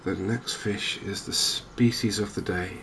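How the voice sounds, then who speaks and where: A gaming video host delivers ASMR game commentary in a soft, gentle, unhurried voice. His pitch sits fairly low and stays very even, barely rising or falling. Clear ambient noise fills the background while he pauses and chats with the viewer.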